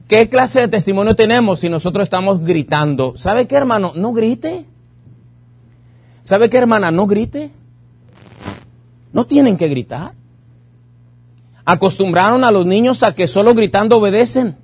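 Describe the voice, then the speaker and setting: Husky-voiced pastor preaching emphatically. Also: male voice, high voice, darkish tone. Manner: emphatic preaching with rhetorical questions and repeated commands. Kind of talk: sermon. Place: church.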